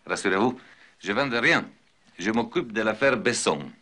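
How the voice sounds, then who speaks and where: Expert en assurance sarcastique, voix grave et tranchante, série des années 80. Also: male voice, fairly low pitch, animated, normal speed, sharp tone. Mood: dry. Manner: exasperated, bantering. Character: wry middle-aged male insurance investigator. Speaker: insurance expert. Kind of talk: 1980s TV series acting.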